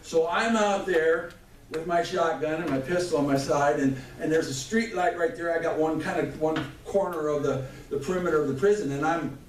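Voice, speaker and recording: A man's voice: fairly high pitch, moderate pace. A man giving a spoken testimony before a church congregation, telling his story fervently with restarts and chuckles. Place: church hall. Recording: echoey room mic from far off, faint noise.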